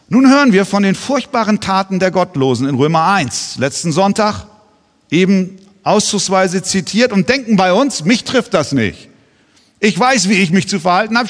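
A man's voice: on the high side, big-room sound. A man preaching a sermon as pastor, earnest and pressing his listeners with pointed rhetorical questions.

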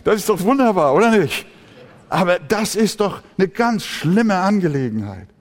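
A pastor preaches an impassioned sermon, sometimes acting out the voices of grumbling churchgoers. His voice is high-pitched and very animated at a normal speed. A long hall reverb trails the recording.

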